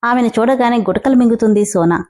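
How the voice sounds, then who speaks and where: A woman narrating a romantic drama story in a steady, even storytelling way. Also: on the high side, a little fast.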